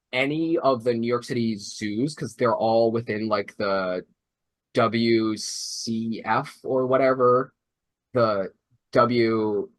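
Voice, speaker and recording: A young man who mentors robotics teams talks casually over a video call, his voice medium-pitched with a fairly bright tone. He rambles, stuffing his speech with "like" and "uh," restarting and correcting himself as he goes.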